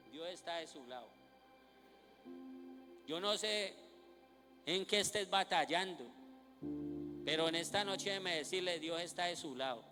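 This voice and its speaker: A man preaching a sermon at a night vigil, reading scripture aloud and asking the congregation questions that he then answers himself. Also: high voice. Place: church during a night vigil. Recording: reverberant church hall with music behind.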